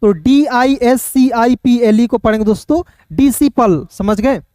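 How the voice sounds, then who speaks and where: A man teaching English pronunciation in an online lesson, spelling words out slowly letter by letter and repeatedly coaxing his viewers. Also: extremely high pitch, mellow, dry recording, clean studio sound. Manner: repetitive, coaxing, keeps addressing viewers as friends.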